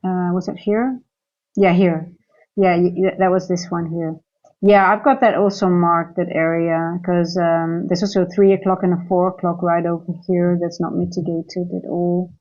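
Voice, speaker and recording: A woman's voice: fairly low pitch, little pitch movement, moderate pace, darkish tone, muffled recording. A woman who grew up in Singapore, hosting a live trading stream and thinking aloud as she goes, with many fillers and restarts. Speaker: trading livestream host. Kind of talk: live market commentary and viewer chat.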